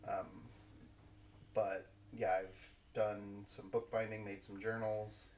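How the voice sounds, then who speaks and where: A man chatting casually in a halting, understated way, picking out his phrases in measured pieces. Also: on the low side, flat delivery, a little mellow, a little hiss or hum. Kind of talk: casual chat, Q&A. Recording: echoey room, distant mic.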